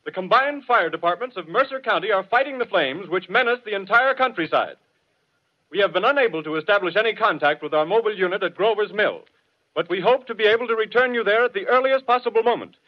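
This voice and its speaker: An actor playing a male radio announcer in a 1930s radio drama, reading urgent bulletins in a crisp, formal, old newsreel style. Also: sits high, fast. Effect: old newsreel-style broadcast announcing. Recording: dull lo-fi 1930s radio recording.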